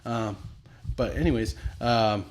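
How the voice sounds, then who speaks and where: A man's voice: lowish voice, slow, a little hiss or hum. A middle-aged man co-hosting a casual livestream chat, telling crude, joking stories and acting out the voices of the people in them. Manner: crude, joking storyteller who acts out voices. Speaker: podcast co-host.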